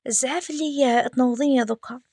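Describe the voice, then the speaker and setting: A woman's voice: high-pitched, fairly even intonation, quick pace, a little mellow, dry recording, clean studio sound. A woman voicing a grumpy, sleepy middle-aged uncle who grumbles in an Algerian Arabic accent. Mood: grumbling. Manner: gruff, grumbling.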